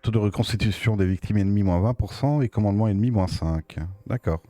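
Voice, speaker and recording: A man's voice: fairly low pitch, quick pace, warm tone, dry recording, faint music behind. A man with a Belgian French accent giving casual, somewhat hesitant live commentary as a game streamer.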